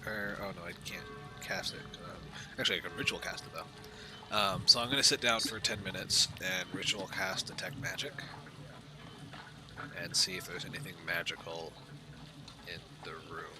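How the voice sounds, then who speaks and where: A man playing a tabletop game on a voice call, thinking aloud with halting fillers while his mic keeps cutting out and fading. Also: fairly low pitch, over music. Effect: online mic cutting out, faint and dropping. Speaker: player. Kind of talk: tabletop game play, casual chat.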